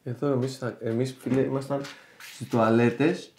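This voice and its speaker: A man's voice: medium pitch, fairly even intonation, a little mellow, a little hiss or hum. A young man joking with vivid comparisons in a casual travel vlog. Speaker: vlogger. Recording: echoey room.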